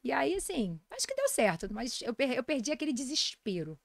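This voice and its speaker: Brazilian woman, forties, podcast guest, fast animated storytelling, slightly high voice. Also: vocal fry, no room sound, clean studio sound. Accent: Brazilian Portuguese. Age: 40s. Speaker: guest nutritionist and lecturer. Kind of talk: casual podcast interview.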